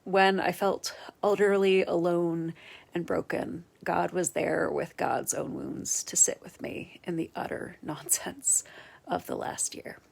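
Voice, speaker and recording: A woman's voice: lowish voice, little pitch movement, slow pace, creaky, a little mellow, in a whisper. A woman in her thirties, an Episcopal priest, giving a candid, earnest personal reflection. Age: 30s.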